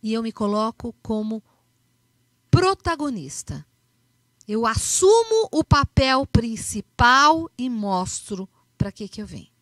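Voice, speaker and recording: Brazilian woman speaker, higher pitch, bright forceful tone, dry close sound; lively storyteller. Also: takes it slowly, no room sound. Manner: animated, acts out dialogues in her storytelling. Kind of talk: motivational talk.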